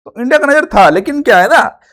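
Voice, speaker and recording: A man's voice: extremely high pitch, animated, quick pace, fairly bright tone. A young man teaching a history lesson for exam prep, chatty, asking and answering his own questions and repeating "theek hai" often.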